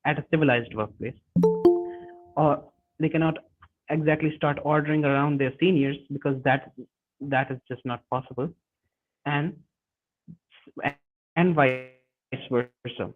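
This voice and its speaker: A man presenting a webinar lesson, talking haltingly with frequent restarts and self-corrections. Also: a little high, fairly even intonation, faint music behind. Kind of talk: lecture on workplace communication. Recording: tinny phone-like webinar audio.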